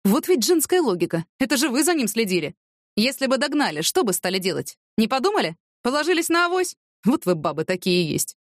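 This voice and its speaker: Lady reading as a wry homeless guy, mocking street talk, pitch jumps all over, dry close sound. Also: big pitch swings, fairly quick, no echo.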